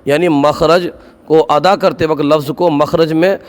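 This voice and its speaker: A man teaching Quran reading, patiently drilling short syllables one by one in a measured lesson. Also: on the high side, fairly even intonation, in a large hall. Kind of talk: slow instructional recitation lesson.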